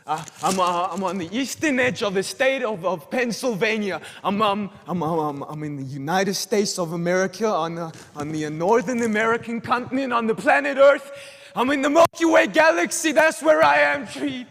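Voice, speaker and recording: A man's voice: high voice, normal speed, few pauses, fairly bright tone. A young man performing a stage monologue as a sheltered, stammering man who breaks free and turns defiant. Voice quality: stammering, repeats words. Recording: reverberant hall.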